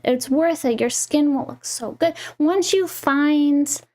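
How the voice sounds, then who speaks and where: Slow, high-voiced young woman on a livestream. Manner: slow, meandering, restarts mid-phrase; enthusiastic about products she shows. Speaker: lifestyle host. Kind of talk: casual livestream talk.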